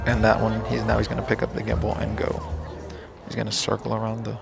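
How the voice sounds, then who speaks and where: A man's voice: fairly low pitch, monotone, quick pace, vocal fry. A man giving casual behind-the-scenes commentary as a videographer, recorded at a wedding reception. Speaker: videographer explaining the shoot. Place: wedding reception beside the dance floor. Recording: loud music playing at venue. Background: loud music.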